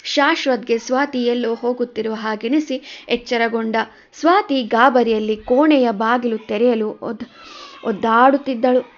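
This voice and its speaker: A woman storyteller giving a measured, emotive scripted narration of a serial story. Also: a little high, steady tone, highs cut off.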